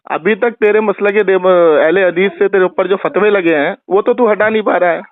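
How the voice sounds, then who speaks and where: A man's voice: sits high, no room sound. A man in a heated phone argument as a religious debater, combative and taunting, accusing his opponent again and again. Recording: tinny phone line.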